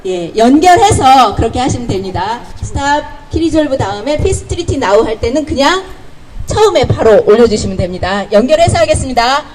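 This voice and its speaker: Woman rally emcee, high lively voice, leads outdoor chants, brisk instructions between shouts. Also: slight background noise, low-quality recording. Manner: shouts slogans, then gives brisk instructions. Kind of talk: leading protest chants. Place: outdoors on a city street.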